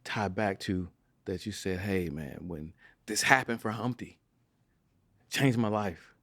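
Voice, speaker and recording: A man hosting a podcast, earnest and reflective, quick to laugh with his guest. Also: low-pitched, a bit bright, no echo. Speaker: podcast host. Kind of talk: reflective interview chat.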